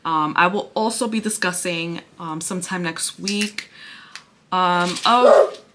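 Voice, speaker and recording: A woman chatting casually through a book review to camera, sounding breathy and out of breath. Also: fairly low pitch, takes it slowly, heavy background noise. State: out of breath from pregnancy.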